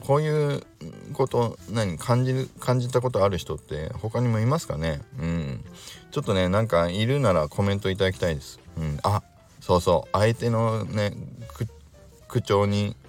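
A man hosting his own podcast, chatting casually and rambling with lots of fillers and self-amused asides. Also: deep voice. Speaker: podcast host. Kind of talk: casual solo chat.

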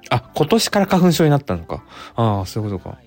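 Over faint background music, this Kansai-accented livestream host talks fast in a mid-range voice. Alone on a casual stream, he chats loosely, reads out listener messages, and thinks aloud animatedly with plenty of fillers.

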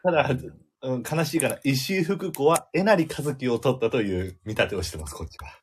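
A man's voice: medium pitch, lively intonation, slight background noise. A man with a Kansai accent, co-hosting a casual comedy podcast with joking banter. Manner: joking, quick Kansai-dialect chatter. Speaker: podcast co-host.

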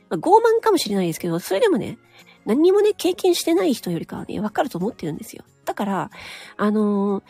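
Her voice is on the high side but dark and slightly rough, recorded with no room sound. She hosts her own audio channel alone, speaking casually and bluntly, with plenty of nodding asides and tag particles.

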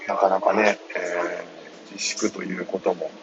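A man with a very deep voice murmurs softly into his phone while riding a bus. He chats casually with his listeners, keeping his voice low. The audio is muffled, with steady bus noise behind him. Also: unhurried, vocal fry. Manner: mumbling quietly, reading listener comments. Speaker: live-stream host. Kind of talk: casual live chat. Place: on a moving city bus.

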